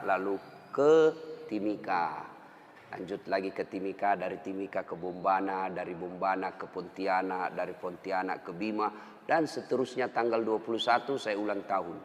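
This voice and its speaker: A man preaching an Islamic sermon, telling humorous anecdotes in a lively storytelling manner, his voice climbing at the punchlines. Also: low-pitched, moderate pace, slight background noise. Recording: long hall reverb.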